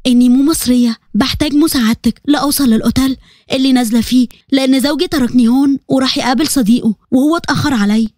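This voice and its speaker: A woman's voice: sits high, rapid-fire, darkish tone, no echo, clean studio sound, voice pushed down. A woman voicing a sweet, friendly middle-aged woman with a Levantine Arabic accent, talking in a coaxing, motherly way.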